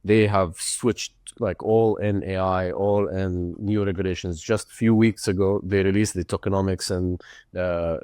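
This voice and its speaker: A man speaking as a guest on a remote podcast interview, relaxed and rambling, with lots of "like" and "right". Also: low-pitched, no room sound, clean studio sound. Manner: relaxed, rambling, uses many fillers. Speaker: podcast guest, tech company founder. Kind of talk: casual interview answers.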